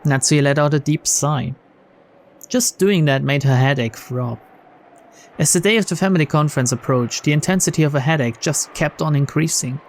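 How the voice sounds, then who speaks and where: Reading a visual novel's narration out loud, this let's player keeps interrupting with casual, profane asides. Pitch is medium and pace normal, with a little hiss or hum audible.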